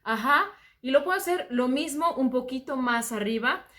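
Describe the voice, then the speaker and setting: A Mexican woman teaching voice, calmly explaining singing technique and often saying "ajá". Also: high-pitched, normal speed.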